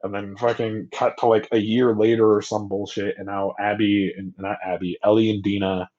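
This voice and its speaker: A young man co-hosting a podcast in casual chat, retelling things in a rambling, profane way and slipping into quick mock voices. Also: fairly low pitch, flat delivery, darkish tone. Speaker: podcast co-host. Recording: slightly dull lo-fi audio.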